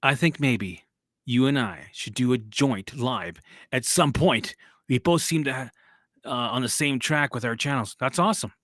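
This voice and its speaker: Speaking at a normal pace in a medium, fairly bright voice, a man hosts an informal live stream as a recovery coach, with studio-quality sound and no room tone. His answers to viewers ramble and repeat, sprinkled with casual swearing and self-directed laughter.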